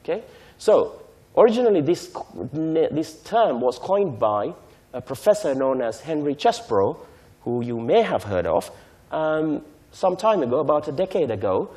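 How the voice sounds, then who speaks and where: Mellow-voiced man. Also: on the high side, sing-song. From Sri Lanka. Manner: measured, explanatory, often checks in with "right?". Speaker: invited speaker on technology transfer. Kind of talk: lecture to a conference audience.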